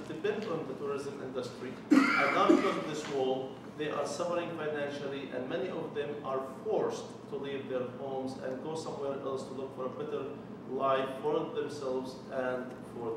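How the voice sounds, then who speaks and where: Recorded from a distance in an echoey room with noise, this man speaks briskly with few pauses in a steady, medium-pitched voice. He's a church mission developer in his forties from Palestine, with a Palestinian Arabic accent, sharing an earnest testimony with a committee and adding wry humor.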